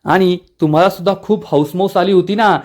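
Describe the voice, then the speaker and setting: A man's voice: high-pitched, fairly quick, a little mellow, lightly acted. A man voicing a scheming, ruthless middle-aged village matriarch who talks defiantly. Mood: scheming defiance. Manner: defiant, threatening.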